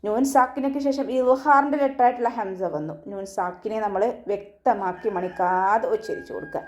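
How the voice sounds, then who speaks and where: Patient female tajweed teacher, higher-pitched voice, calm instructive delivery. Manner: patient step-by-step instruction, ends lines with "kettō"; slow drawn-out chanted recitation of verses. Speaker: Quran recitation teacher. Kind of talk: tajweed lesson, explaining and reciting.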